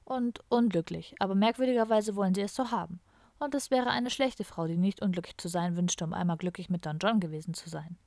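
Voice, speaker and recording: A woman's voice: mid-range voice, brisk, a little mellow, dry recording, studio quality, close to an everyday voice. A woman voicing a cheerful, idealistic young hippie man who rambles on in a chatty, dreamy way. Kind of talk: audiobook character voice.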